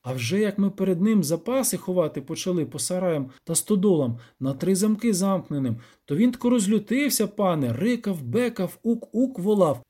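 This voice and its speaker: Give me a man doing a jittery, chatty village peasant, high-pitched and mellow, rambling in a folksy way. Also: sing-song, moderate pace, few pauses, husky, exaggerated voice. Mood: anxious, rambling. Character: nervous rustic peasant man, talkative.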